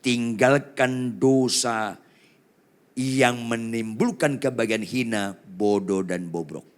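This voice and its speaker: A male pastor preaching a lively sermon, swinging between loud cries and hushed asides while urging the congregation to answer louder. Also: medium pitch, slow, smooth. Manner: quizzes the congregation and urges them to answer louder.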